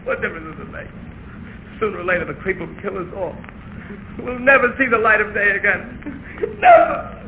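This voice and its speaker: A man's voice: high voice, big pitch swings, brisk, pauses often, bright, forceful tone, heavily acted. An actor playing a despairing, hysterical chained prisoner in a 1930s radio drama, his voice frantic and strained. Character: despairing, hysterical male captive chained for two months. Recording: noisy, muffled 1930s radio recording.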